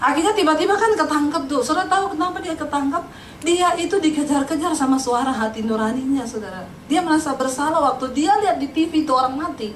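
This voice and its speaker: A woman preacher, giving a lively, chatty sermon and often turning to the congregation. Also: sits high, fast talker, slight background noise. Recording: roomy echo, recorded from a distance.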